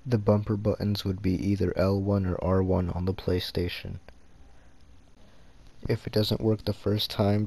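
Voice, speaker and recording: Male tutorial host: deep voice, dead-flat monotone, low late-night energy. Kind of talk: casual tutorial voice-over.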